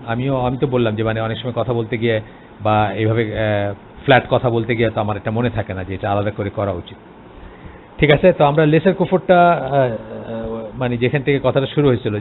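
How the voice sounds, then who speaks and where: A man with a Bangladeshi Bengali accent giving an explanatory religious lecture, hesitant, with many filler sounds and English words mixed in. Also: medium pitch. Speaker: Islamic lecturer. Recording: tinny phone-like line, faint noise.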